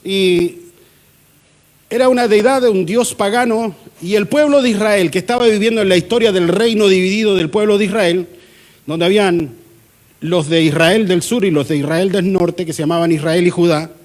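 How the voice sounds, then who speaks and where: A Chilean man preaching to his congregation in a fairly high voice. He keeps it conversational, slipping into short acted-out exchanges and light jokes as a pastor. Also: normal speed. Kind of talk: sermon. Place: church.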